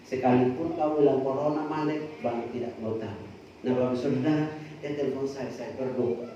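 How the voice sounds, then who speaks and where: Animated pastor, distant in a booming hall, muffled sound. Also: male voice, moderate pace, a little hiss or hum. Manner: animated storytelling with bursts of loud emphasis. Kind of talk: sermon. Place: church hall. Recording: distant, echoey, dull church recording.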